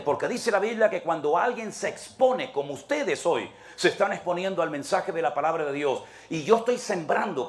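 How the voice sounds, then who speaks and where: A man with a Spanish accent, a pastor preaching a sermon in church, asking rhetorical questions and moving between emphatic and hushed delivery. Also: on the high side.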